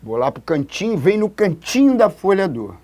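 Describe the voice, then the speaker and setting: A man's voice: high voice, very animated, moderate pace, darkish tone. A man from Brazil, a writing teacher giving a lesson at a board, pointing things out as he writes. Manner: demonstrative, keeps pointing with "look". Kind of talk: classroom-style lesson at a board.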